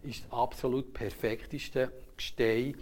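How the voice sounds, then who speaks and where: An older man with a Swiss German accent preaching a sermon, telling a personal story earnestly and often sinking to a hushed near-whisper. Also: mid-range voice, steady tone, unhurried, slight background noise.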